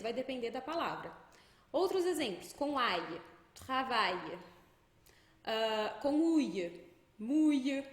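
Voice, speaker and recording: A woman with a Brazilian accent teaches French pronunciation in a lively, emphatic, playful way. Her voice sits a little high, and the room around her sounds echoey. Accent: Brazilian Portuguese. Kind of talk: pronunciation lesson to camera.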